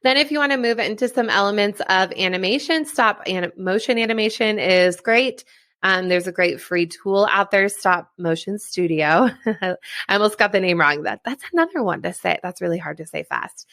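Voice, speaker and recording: A woman educator presents to fellow teachers at an online summit, upbeat and chatty, laughing lightly at her own slips. Her voice sits at a middle pitch, and the recording is close and dry, with no room sound. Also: moderate pace, a bit bright, no room sound. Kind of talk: presentation talk.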